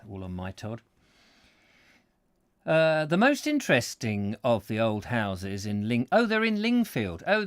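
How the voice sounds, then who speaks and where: A man reads an old travel book aloud with a lively, expressive voice and middling pitch, stopping now and then for chatty, self-deprecating asides to his listeners. He sounds at ease and animated. The recording is close and dry, with no echo. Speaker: reader and host of a live reading stream.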